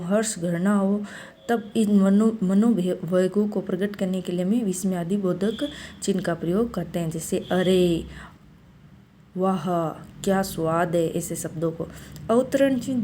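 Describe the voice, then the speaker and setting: A woman giving a classroom-style grammar lesson, explaining step by step and slowing down to read out example sentences. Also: medium pitch, dark tone, a little hiss or hum. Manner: explains step by step, often saying "look". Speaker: teacher.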